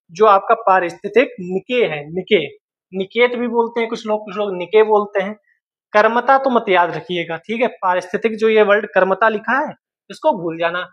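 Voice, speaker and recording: A man's voice: high voice, fairly bright tone, no room sound, highs cut off. A man teaching exam questions in a lecture style. He explains step by step, repeats key points and mixes in English terms.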